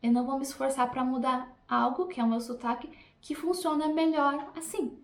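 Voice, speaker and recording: A young Brazilian woman who teaches languages vlogs casually to camera, chatting reflectively and directly to viewers in a Brazilian Portuguese accent. Her high voice keeps a fairly even intonation at a moderate pace, with a reverberant sound.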